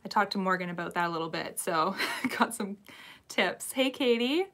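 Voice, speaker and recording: A woman's voice: medium pitch, lively intonation, normal speed, a bit bright. A young woman hosting a live Q&A from home on her phone, nervous and giggly as she greets viewers by name. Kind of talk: casual live-stream chat.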